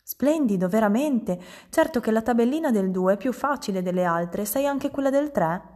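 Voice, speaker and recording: Lady doing a sweet young teacher in a storybook, bright and encouraging, a bit higher and louder. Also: expressive, normal speed. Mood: amazed. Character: kind gentle young female schoolteacher. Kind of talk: audiobook reading.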